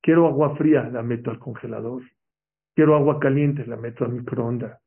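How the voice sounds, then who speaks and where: A man delivers a motivational religious talk, pressing his listeners with rhetorical questions. His voice has a gravelly, rough edge. The sound is thin and narrow, like a phone line. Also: mid-range voice, steady tone, normal speed. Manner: emphatic, asks the audience rhetorical questions. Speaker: motivational speaker. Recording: tinny, phone-like lo-fi recording.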